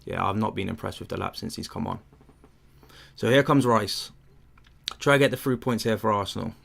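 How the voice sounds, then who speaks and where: Fairly low and creaky with a slight brightness, this young English voice moves along fairly quickly. He's hosting a football watchalong, casually commentating, fielding chat questions, and rambling with plenty of fillers.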